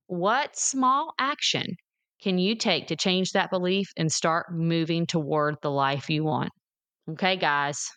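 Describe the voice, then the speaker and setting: A woman's voice: mid-range voice, fairly bright tone, clean tone. A woman hosting a solo motivational podcast as a therapist, talking emphatically and encouragingly to her listeners in a casual way. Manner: encouraging, emphatic, addresses listeners as "guys" and "y'all".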